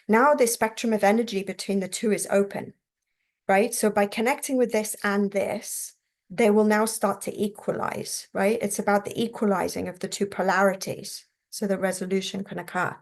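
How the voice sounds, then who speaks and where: A woman teaching a class on therapy technique in a relaxed, conversational way, often checking in with her listeners. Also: mid-range voice, normal speed. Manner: acts out client and therapist voices.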